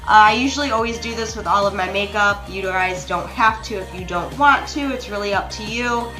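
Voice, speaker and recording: Chatty young woman with a bright voice. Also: mid-range voice, fairly quick. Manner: chatty, apologetic, addresses viewers as you guys. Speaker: beauty vlogger. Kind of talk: makeup tutorial voice-over. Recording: roomy echo with soft music behind.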